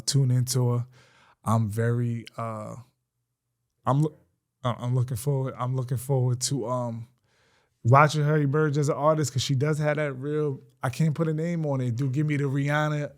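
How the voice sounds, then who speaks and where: A man hosts a podcast in a mid-pitched voice. He speaks loosely and casually, with plenty of slang, and he rambles through his questions, stopping often on fillers. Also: darkish tone. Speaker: podcast host. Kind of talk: casual interview chat.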